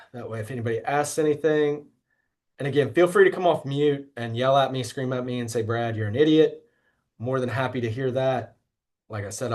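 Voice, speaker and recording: A man in his thirties teaching an online statistics class over a video call, checking in often with "okay?". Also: mid-range voice. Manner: relaxed, repeats "okay?" to check in. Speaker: instructor. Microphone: computer mic on a video call.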